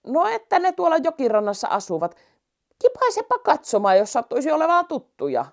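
A woman's voice: high-pitched, huge pitch swings, voice pushed up, heavily acted. Woman doing a chatty old circus giraffe, kinda proud of himself, voice goes up and down. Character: friendly old circus giraffe, boastful tightrope walker.

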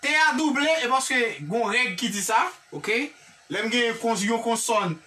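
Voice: medium pitch, lively intonation, moderate pace, pushed and bright, recorded from a distance. A teacher with a Haitian accent giving a classroom grammar lesson, drilling example sentences one by one and checking in with the class. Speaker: English teacher.

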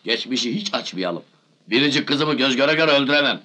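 An actor playing a stubborn, indignant older village father in a film comedy, with a husky voice. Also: mid-range voice, expressive, fairly quick, background noise, natural voice. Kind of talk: Turkish film comedy acting.

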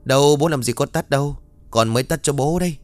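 A man's voice: medium pitch, fast, dry recording, faint music behind, pitched above the performer's own voice, natural voice. A man voicing a flustered young village son who argues and pleads with his parents. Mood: defensive. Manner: pleading, defensive.

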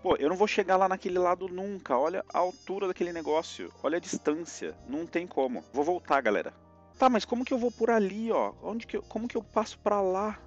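Excitable Brazilian man streaming a game. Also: sits high, dull audio. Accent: Brazilian Portuguese. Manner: excitable, yelps and groans at each jump. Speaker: streamer playing a platform game. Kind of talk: live gameplay commentary.

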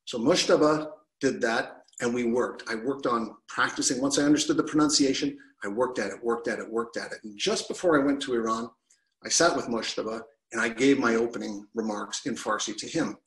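A middle-aged Canadian man tells a personal story to an online audience over a video call, gesturing with both hands in his living room. Picked up by a webcam, his mid-range, fairly quick voice sounds roomy on a low-quality recording.

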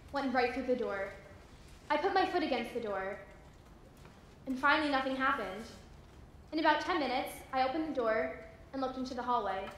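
A woman's voice: high voice, fairly bright tone. Woman playing a troubled runaway girl, echoey hall. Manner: earnest, confessional storytelling. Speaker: stage actor. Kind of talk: theatrical monologue. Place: library hall, live performance. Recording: echoey room, faint hiss.

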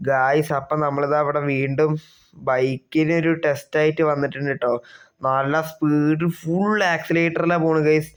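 Animated young man, gameplay commentary. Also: on the high side, normal speed, smooth. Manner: animated, comic, often yelping and exclaiming. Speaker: gaming YouTuber. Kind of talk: gameplay commentary with role-play.

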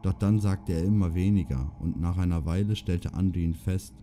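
A man narrating an amateur audiobook in a steady, measured reading. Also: low-pitched. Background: faint music.

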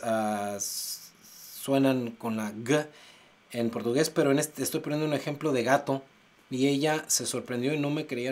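A man teaching English pronunciation, exaggerating sounds slowly to demonstrate them. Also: mid-range voice, a little mellow. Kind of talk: pronunciation lesson. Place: United States.

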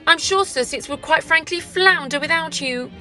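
A woman playing a brisk, teasing young aristocratic lady in a 1930s radio drama, with a dry manner. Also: high voice, bright, forceful tone, faint music behind.

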